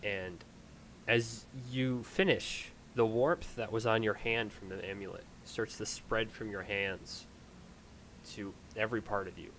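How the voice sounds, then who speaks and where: A man narrating a tabletop game as game master, improvising halting, descriptive storytelling addressed to the player. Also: on the low side, fairly even intonation, fairly bright tone, a little hiss or hum, poor audio.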